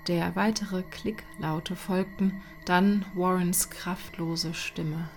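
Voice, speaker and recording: Slow, whispering woman horror reader. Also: fairly low pitch, fairly even intonation, soft background music. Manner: slow, hushed, sinking to whispers. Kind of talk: dramatic horror story reading.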